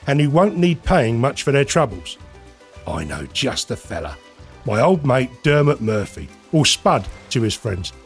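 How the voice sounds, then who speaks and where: An actor playing a cheeky, scheming Cockney wide boy who narrates and talks in slangy patter in an audio drama. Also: medium pitch. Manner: slangy, wheeling and dealing patter. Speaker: narrator and lead character. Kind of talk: first-person audio drama narration and dialogue.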